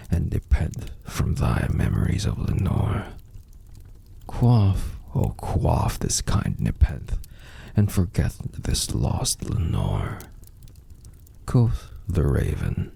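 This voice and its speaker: A man giving a dramatic, brooding recitation of gothic poetry in a gravelly, breathy rasp, drawing out words theatrically. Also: a bass voice, dark tone. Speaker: poetry reader.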